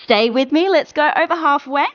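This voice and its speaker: Upbeat woman workout coach, higher voice, dull lo-fi recording, counts down reps. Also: fairly bright tone. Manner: encouraging, brisk coaching with countdowns. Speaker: fitness instructor. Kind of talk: live workout cueing.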